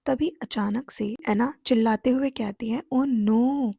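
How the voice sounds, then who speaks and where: A woman narrating a romantic fan fiction story in a calm, even storytelling manner. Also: fairly high pitch, a little slow, gravelly, husky, no room sound, clean studio sound.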